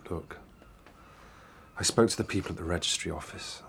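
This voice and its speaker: An actor playing a worried fiancé who nags anxiously and teases dryly. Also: male voice, low voice, moderate pace, gravelly, a bit bright, a little hiss or hum. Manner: anxious, dry teasing. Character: worried, teasing young fiancé.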